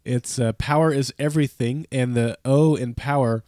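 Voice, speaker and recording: A thirtysomething man with a head cold makes his warm, mid-range voice sound nasal and stuffy as he hosts a relaxed podcast conversation at a moderate pace. He wanders, restarts frequently, fixes his own words and chuckles often. The studio-quality recording has no echo.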